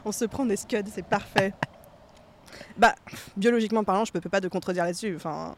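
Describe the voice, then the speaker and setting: A woman co-hosting a podcast in casual chat, animated and dropping English slang words into her talk. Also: medium pitch, moderate pace, noisy background. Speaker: podcast co-host.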